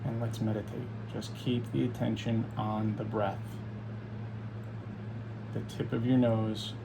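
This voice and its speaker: A man leading a guided meditation as a teacher, speaking calmly and soothingly in unhurried instructions with long pauses. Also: on the low side, creaky, background noise.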